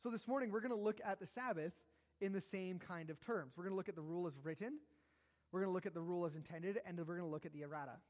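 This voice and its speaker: A man's voice: high-pitched, rapid-fire, darkish tone. A man preaching a sermon, conversational and self-deprecating, with jokes and asides. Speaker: pastor. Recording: long hall reverb.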